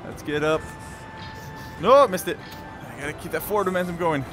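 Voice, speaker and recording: A gaming video host with a slightly high voice speaks briskly, giving playful, casual commentary while he plays. He mutters reactions and throws out exclamations over game music.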